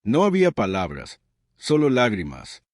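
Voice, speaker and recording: Solemn low-voiced male storyteller. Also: huge pitch swings, no echo, studio quality. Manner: solemn, sorrowful, measured. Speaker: narrator. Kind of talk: dramatic story narration.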